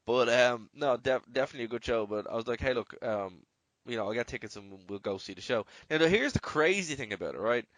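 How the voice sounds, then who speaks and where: Irish male podcast host, average pitch, rambling casual delivery, dead-dry close mic. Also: lively intonation, fast, a bit bright, no echo. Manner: rambling, leans heavily on "you know".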